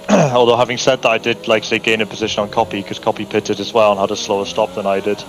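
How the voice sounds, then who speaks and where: A man streaming a sim race, calmly talking through pit strategy in casual chat. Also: on the low side, slight background noise, rough recording. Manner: calm, measured, thinks strategy aloud. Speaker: streamer racing online.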